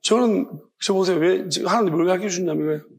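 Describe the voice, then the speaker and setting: A man's voice: high-pitched, fast talker, vocal fry, a little mellow. A man preaching a sermon at a Friday worship service as pastor, in a conversational and impassioned way, asking the congregation questions and often restarting his sentences.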